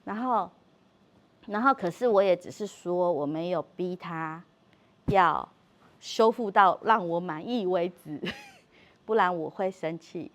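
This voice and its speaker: A middle-aged woman speaking to parents at a workshop, animated, acting out quoted dialogue and laughing often. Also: on the low side, unhurried, long pauses. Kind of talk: lively parenting talk.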